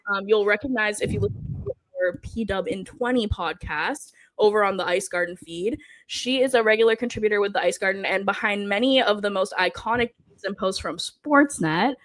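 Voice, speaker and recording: A woman's voice: medium pitch, moderate pace, hardly any pauses, a bit bright. Woman host losing her voice. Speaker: podcast host. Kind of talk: casual podcast chat.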